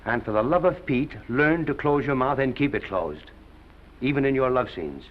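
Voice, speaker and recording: A man's voice: medium pitch, lively intonation, natural voice. A man playing a wry, fatherly studio boss. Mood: advising. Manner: wry, paternal, measured. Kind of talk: 1930s film acting. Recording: dull 1930s film soundtrack.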